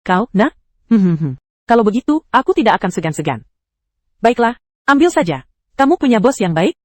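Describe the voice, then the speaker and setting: A woman's voice: a little high, big pitch swings, normal speed, darkish tone, no echo. A synthetic text-to-speech female voice narrating an anime recap, reading every character's lines in the same voice.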